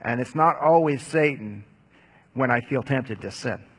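A man teaching Bible lessons, answering audience questions in a measured, explanatory way. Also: mid-range voice, breathy edge.

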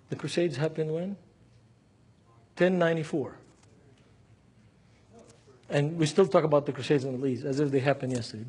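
A man from Beirut preaches at a seminar in a Lebanese Arabic accent, his voice on the high side, a little mellow and slightly rough. With emphatic repetition of key phrases, he acts out conversations and throws in rhetorical questions.

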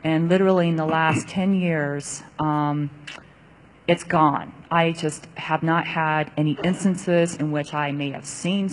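Low voiced woman from taiwan telling her story, lots of ums and pauses. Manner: hesitant, many fillers. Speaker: audience member. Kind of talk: personal testimony.

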